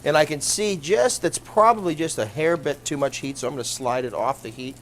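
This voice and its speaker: A man demonstrating a recipe in a studio kitchen, explaining each step in a relaxed, practical way. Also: on the high side, brisk, slight background noise. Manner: relaxed, practical, thinks aloud with small restarts. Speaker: cooking demonstrator, fisherman.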